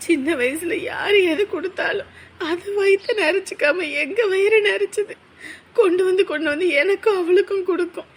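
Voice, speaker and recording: An actress playing a young wife who grieves in a quavering, tearful voice. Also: female voice, very high-pitched, normal speed. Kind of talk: TV drama acting.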